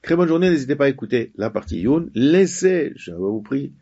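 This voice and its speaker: A man teaching a daily Talmud lesson, reading Aramaic phrases and explaining them in French with halting restarts. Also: mid-range voice, very animated, mellow, breathy edge, muffled recording.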